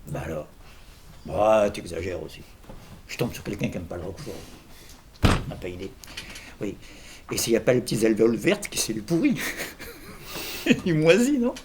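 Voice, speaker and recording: Animated man giving a philosophy lecture. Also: lowish voice, moderate pace, long pauses, a little hiss or hum. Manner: digressive, jokes and asks the audience questions. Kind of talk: informal philosophy workshop lecture.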